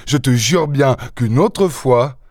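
A man reading an audiobook, voicing a playful, mocking gentleman thief who speaks with mock affection. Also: medium pitch, lively intonation, takes it slowly, dry recording, clean studio sound, voice pushed up. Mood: teasing. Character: charming teasing gentleman thief, young man. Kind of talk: audiobook character voice.

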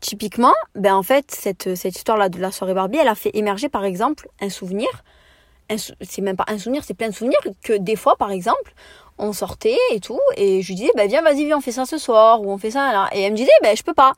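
A young woman hosting a podcast, telling a personal story in an animated, indignant way with slangy asides. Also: medium pitch, quick pace, no room sound, studio quality. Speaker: podcast host. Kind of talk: casual storytime monologue.

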